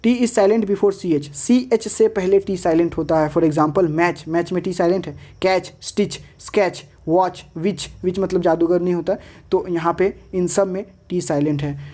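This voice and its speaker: Woman, teacher, low voice, warm tone, slow rule reading, lesson explainer. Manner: slow deliberate reading of rules, then lists examples; switches between Hindi and English. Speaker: English teacher. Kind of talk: explaining lesson over slides.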